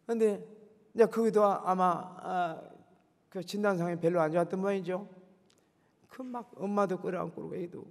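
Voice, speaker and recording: A man with a fairly high voice delivers a sermon with earnest exhortation, pressing the congregation with rhetorical questions. His voice rings through a large church sanctuary with a long, lingering reverb. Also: creaky, a little mellow. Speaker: preacher.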